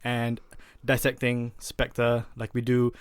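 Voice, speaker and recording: A man hosts a casual podcast. His voice is smooth and resonant and sounds dry, with no room echo. He rambles, with plenty of fillers and restarts. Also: mid-range voice, monotone, slow. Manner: rambling, with many fillers and self-corrections. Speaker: podcast host.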